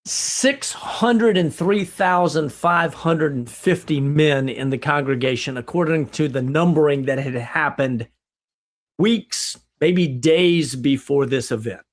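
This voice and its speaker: A man with a somewhat high voice leads a lively Bible study over a livestream. He talks in bursts of exclamation and fires off rhetorical questions, often tagging them with "right?". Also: slow pace. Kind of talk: animated Bible study discussion.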